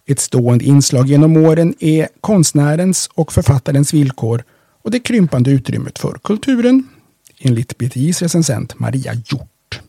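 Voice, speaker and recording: Steady man reading book tips. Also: on the high side, vocal fry, husky, no echo, clean studio sound. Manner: measured, steady reading with careful repetitions. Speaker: library audiobook presenter.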